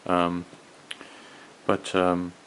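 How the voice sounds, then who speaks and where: Low, flat-voiced man reviewing gear. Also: poor audio. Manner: hesitant, halting, rambling. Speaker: gas mask collector and reviewer. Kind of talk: unscripted hands-on product review. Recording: clearly audible background noise.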